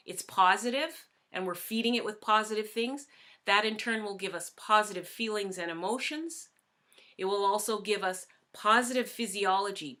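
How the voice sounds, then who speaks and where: A bright, clear woman's voice hosting a live online show. She speaks in an upbeat, encouraging way, with an even middle pitch. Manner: upbeat, encouraging, with light laughs. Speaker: host. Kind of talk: live stream introduction.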